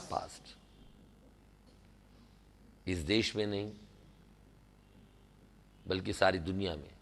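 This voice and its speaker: A man with an Indian accent teaching an English grammar lesson in a classroom, animated as he quizzes and praises his students. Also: lowish voice.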